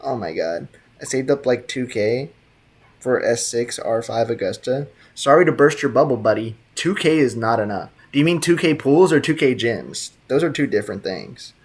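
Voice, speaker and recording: This game streamer is a young man whose medium-pitched voice is expressive and slightly breathy, moving at a moderate pace. He laughs often while reading live chat and chatting with viewers in a slangy, easygoing manner.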